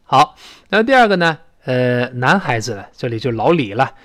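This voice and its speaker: A man teaching a spoken English lesson who explains pronunciation and slowly models English phrases with a Mandarin Chinese accent. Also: mid-range voice, sing-song, a bit bright, no echo.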